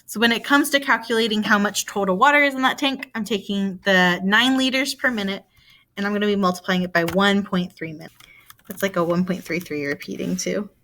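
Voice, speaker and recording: A woman's voice: medium pitch, a little fast, fairly bright tone. A woman, possibly a young adult, teaching a recorded math lesson, patiently walking through a problem by asking and answering her own questions.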